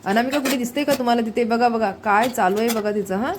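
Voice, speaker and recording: A woman chats through a home cooking vlog in a fairly high voice. She talks easily and keeps calling on viewers to look. It is recorded on a phone in her kitchen, with faint noise behind her. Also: fairly even intonation, fast. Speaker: vlogger. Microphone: handheld phone.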